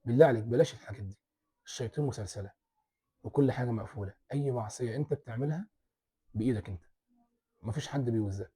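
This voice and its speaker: A young Egyptian man rushes through a fervent religious pep talk at breakneck speed, piling up oaths for emphasis. His voice is husky and dark, sitting a little high for a man. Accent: Egyptian Arabic. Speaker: religious speaker.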